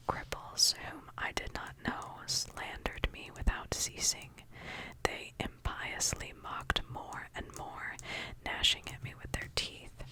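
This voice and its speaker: Female ASMR reader, fully whispered scripture delivery at a slow pace. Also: rough recording. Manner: whispering throughout, unvoiced.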